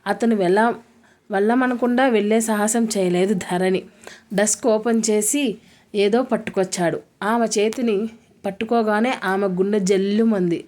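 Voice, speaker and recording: Woman narrating a romance story. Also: mid-range voice. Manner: steady reading with occasional self-corrections. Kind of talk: reading a serialized romance story aloud.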